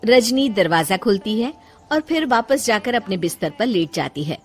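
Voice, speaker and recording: A woman narrating a cartoon story in a calm, matter-of-fact way. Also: mid-range voice, normal speed. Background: soft background music.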